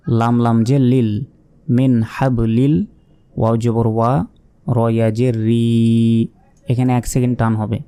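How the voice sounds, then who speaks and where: A man's voice: mid-range voice, dark tone, clear, resonant tone, dry recording. A man teaching Quran reading step by step, spelling out letters and marks, asking questions and then answering them patiently.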